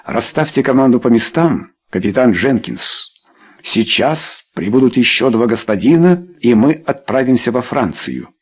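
A man's voice: mid-range voice, very animated, moderate pace, husky. A man voicing a commanding English lord. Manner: clipped, authoritative. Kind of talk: audiobook character voice.

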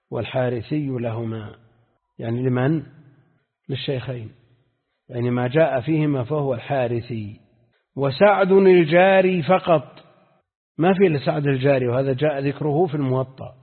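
A husky male sheikh gives a classical teaching lesson, repeating lines of verse and putting questions to his students. His voice comes through thin and phone-like, with a long reverb trailing behind it. He has a middle-pitched, steady tone. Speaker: sheikh teaching hadith terminology.

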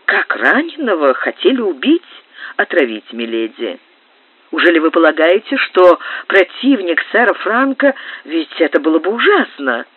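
An emotional young countess in an audiobook, high-strung and pleading, as a woman reader puts her on. Her voice jumps about with lots of lift and swing. The sound is narrow and phone-like, and completely dry. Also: big pitch swings, normal speed, husky, dry recording. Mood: agitated. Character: agitated young noblewoman, a countess in love.

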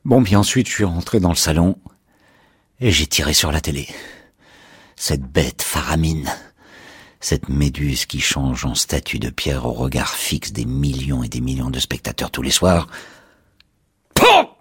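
A man voicing an excitable, sarcastic patient confessing he destroyed his talking house. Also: very deep voice, a little slow, husky, dry recording, studio quality, voice pushed down, heavily acted. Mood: excited. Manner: excitable, sarcastic, swings to shouting.

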